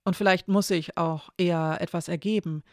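A storyteller reading the lines of May, a thoughtful, gently ironic non-binary character who phrases things carefully, in a storybook reading. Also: mid-range voice, steady tone, normal speed, no echo, clean studio sound, lightly acted.

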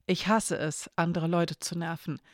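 A narrator reading an audiobook in a calm, even manner. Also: medium pitch, unhurried, no room sound, clean studio sound.

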